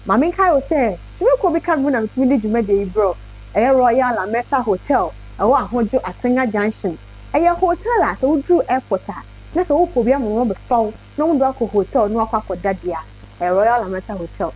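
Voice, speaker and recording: A woman's voice: fairly high pitch, a little mellow, husky, poor audio. A woman with a Ghanaian accent hosting an entertainment show, running through the day's headlines and reading sponsor adverts in an upbeat, promotional way. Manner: upbeat promotional delivery, stretching catchphrases.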